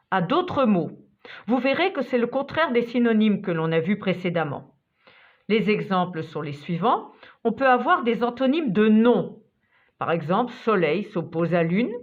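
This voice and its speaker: A woman narrating a scripted vocabulary lesson as a teacher, reading out examples one by one in a measured way. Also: mid-range voice. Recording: tinny phone-like sound.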